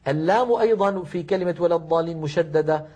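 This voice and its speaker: A man teaching Quran recitation, chanting verses slowly and drawn out, then explaining the rules briskly. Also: on the high side, a little mellow, slightly rough. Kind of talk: tajweed lesson with recited examples.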